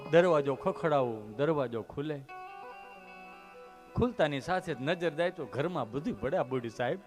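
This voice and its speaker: A man's voice: on the high side, animated, normal speed, over music. A man telling a comic story on stage, animatedly addressing his audience. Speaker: stand-up comedian.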